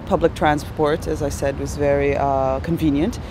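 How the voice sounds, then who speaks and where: A woman from Brazil, a PhD candidate, speaking haltingly in an interview with frequent hesitations. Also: low voice, fairly even intonation, noisy background. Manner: halting, with many "uh" pauses. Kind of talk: interview testimonial.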